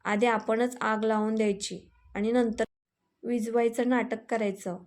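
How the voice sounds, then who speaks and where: A spoiled young wife complains and snaps back, as a woman reads her in a storybook. Her voice is fairly high and flat in tone, sharp-tongued and sulky. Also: unhurried, natural voice. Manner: snappy, complaining. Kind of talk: storybook reading.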